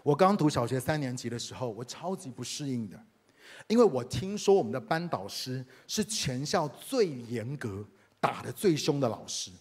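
A man's voice: medium pitch, normal speed, husky. A man from Taiwan with a Taiwanese Mandarin accent, a pastor telling a personal story in a sermon and speaking directly to the congregation. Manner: animated, addresses the congregation directly.

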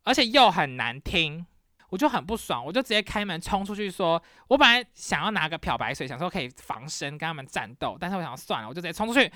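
A young Taiwanese woman with a Taiwanese Mandarin accent, hosting a podcast and telling a story in a casual, animated way, acting out scenes dramatically. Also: lowish voice, fast talker, dry recording, clean studio sound. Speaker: podcast host.

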